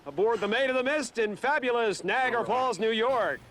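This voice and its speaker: In a film comedy, an actor plays a resentful male TV reporter live on location, his very high voice expressive and at normal speed. He grows bitter and sarcastic, building up to shouting. The audio is poor, with a little hiss or hum.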